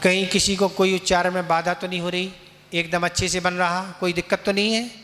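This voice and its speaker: A man's voice: sits high, little pitch movement, a bit bright. A man teaching Sanskrit pronunciation and chanting verses line by line, patiently asking questions and answering them himself. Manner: patient, asks and answers his own questions; slow drawn-out chanting with repeats. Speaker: Jain monk teaching scripture recitation. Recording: long hall reverb.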